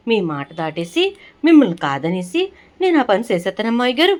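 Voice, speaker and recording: A woman's voice: medium pitch, very animated, fast talker, natural voice. Pleading sly daughter-in-law, as a woman reads her. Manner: pleading, sweetly protesting. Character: scheming young daughter-in-law feigning innocence.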